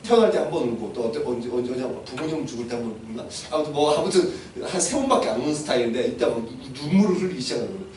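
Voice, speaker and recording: A man's voice: mid-range voice, rapid-fire, hardly any pauses, a little hiss or hum. A man preaching a youth sermon, telling a story and asking his listeners questions. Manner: animated, asks listeners questions, acts out scenes. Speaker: pastor. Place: church hall. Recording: echoey room, mic at a distance.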